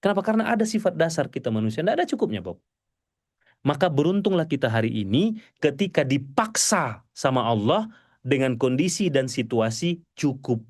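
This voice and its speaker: A male preacher giving a mosque sermon to a congregation, animated and pleading, swinging between loud exclamations and soft murmurs. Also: medium pitch, a little fast, no echo, studio quality.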